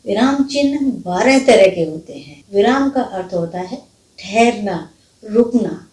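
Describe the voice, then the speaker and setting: Slow, patient woman teaching grammar. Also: mid-range voice, expressive, darkish tone. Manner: patient, explains step by step with examples. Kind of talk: grammar lesson.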